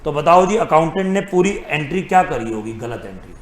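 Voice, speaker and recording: A man's voice: on the high side, sing-song, fairly quick, a little hiss or hum. A man teaching accounting in a classroom lecture, asking the class questions and answering them himself, with English terms mixed in. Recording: echoey classroom.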